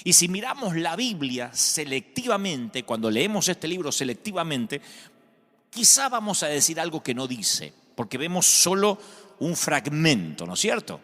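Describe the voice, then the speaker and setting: A man's voice: a little high, very animated, moderate pace, fairly bright tone. A man from Argentina with an Argentine Spanish accent, preaching a sermon as pastor, telling stories with humor and emphasis. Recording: long hall reverb.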